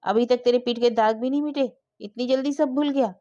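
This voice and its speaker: A woman's voice: on the high side, steady tone, brisk, warm tone, no room sound, voice pushed up, close to an everyday voice. A woman voicing a weary, strict young housewife who scolds in exasperation, in a slightly dull recording.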